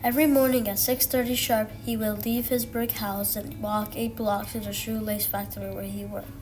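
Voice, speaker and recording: A student reader with a medium-pitched, darkish voice reads a children's storybook aloud at a normal pace, in a flat delivery, occasionally stumbling and repeating words. Music plays in the background of this low-quality recording.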